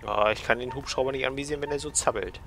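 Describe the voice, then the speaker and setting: A man's voice: medium pitch, rapid-fire, vocal fry, background noise. A man in casual banter over a shared game, teasing his partner and commenting on his own moves. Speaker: let's play co-player.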